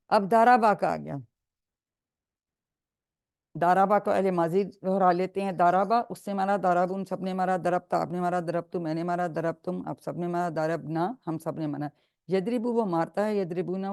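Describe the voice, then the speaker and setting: A woman's voice: lowish voice, gravelly, darkish tone, no room sound, clean studio sound. A woman teaching Arabic grammar on a video call, patiently drilling students and correcting them. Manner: patient, coaxing, repeats and corrects. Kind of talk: online class drilling students.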